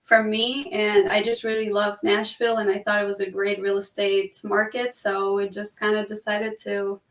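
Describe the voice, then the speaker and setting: Over distant, roomy remote call audio, a talk show guest from Albania, a young real estate investor, keeps things casual and chatty, laughing easily. She speaks at a moderate pace with a flat delivery, her mid-range voice a bit bright.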